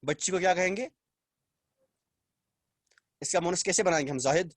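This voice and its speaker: A man teaching a language class over a video call, explaining slowly, repeating words and quizzing his students. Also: high-pitched, no room sound, studio quality. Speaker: Arabic teacher. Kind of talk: online class lecture.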